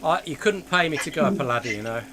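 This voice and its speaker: A man's voice: a little high, animated, quick pace, crowd noise. A man hosting a casual chat, listening sympathetically and chiming in with short replies. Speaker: podcast host. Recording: faint background noise.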